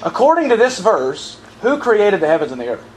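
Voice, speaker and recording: A man's voice: high voice, very animated, fairly quick, slight background noise, poor audio. A man teaching from the Bible in a sermon style, asking the audience questions and repeating verse references.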